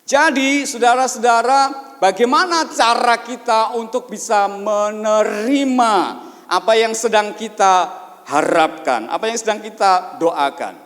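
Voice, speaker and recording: A man's voice: high-pitched, measured pace, a bit bright, long reverb tail. A man preaching a sermon as pastor at a church service. He asks rhetorical questions and often turns to address the congregation.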